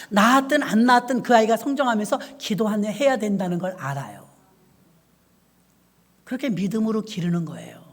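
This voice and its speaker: A middle-aged woman pastor preaching a sermon, telling stories and acting out the voices of children and herself. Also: mid-range voice.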